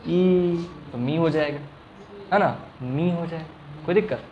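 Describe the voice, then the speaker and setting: A man's voice: on the high side, a little slow, highs cut off, a little hiss or hum. A man teaching a classroom grammar lesson, asking the same question over and over and stretching out sounds to demonstrate them. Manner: repetitive questioning, checks understanding often.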